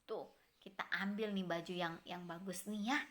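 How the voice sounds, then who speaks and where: Wanita memerankan kakak-kakak berbisik bersekongkol. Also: female voice, fairly low pitch, fairly even intonation, normal speed, voice pushed down, close to an everyday voice. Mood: conspiratorial. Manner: hushed conspiratorial scheming. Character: jealous older brothers plotting, young men.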